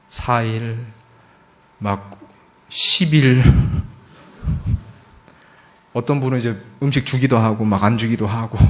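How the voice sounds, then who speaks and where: A man, a missionary, giving an emotional testimony at a church service, telling his story with lots of fillers and acting out the dialogue. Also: mid-range voice. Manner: frequent filler words, emotional emphasis. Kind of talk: testimony sermon.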